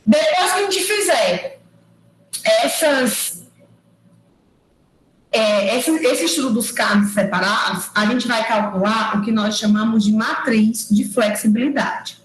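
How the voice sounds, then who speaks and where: A woman's voice: fairly high pitch, slow pace, reverberant, slight background noise, low-quality recording. Woman lecturer explaining step by step. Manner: explains step by step, checks in with tag questions. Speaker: university lecturer. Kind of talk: online engineering lecture. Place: room at home or office, recorded over a digital platform. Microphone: computer mic on a video call.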